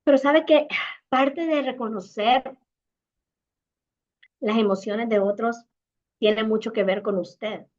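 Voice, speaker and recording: A fairly high-voiced woman with a Salvadoran accent talks parents through everyday situations, acting out little exchanges between parents and children. The sound is dull and lo-fi, like an online stream. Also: fairly even intonation, slow, pauses often. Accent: Salvadoran Spanish. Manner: warm conversational advice, acts out little dialogues. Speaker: parenting speaker.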